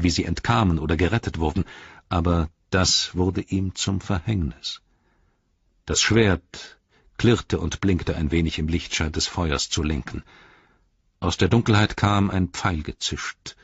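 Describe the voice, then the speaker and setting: Deep, very husky male narrator. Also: dry recording, dull audio. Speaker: audiobook narrator. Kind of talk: scripted audiobook narration.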